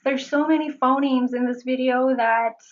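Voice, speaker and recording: A woman accent coach giving a pronunciation lesson. She speaks deliberately and repeats words again and again to show how they sound. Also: high voice, fairly even intonation, muffled recording.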